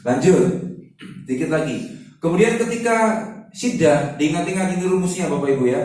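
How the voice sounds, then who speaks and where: Hoarse male preacher in an echoey hall. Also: a little high, animated, moderate pace, darkish tone. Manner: informal, interactive, often checking with listeners. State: hoarse from a cough. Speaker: preacher and Quran recitation teacher. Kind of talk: Islamic study lecture to a congregation. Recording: echoey hall, distant microphone.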